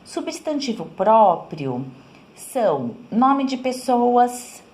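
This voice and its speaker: A woman's voice: fairly high pitch, sing-song, drawn-out words, darkish tone. A woman teacher, patiently explaining a school lesson to her pupils and checking in with them often. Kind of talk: recorded remote class lesson. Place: home room, writing on board.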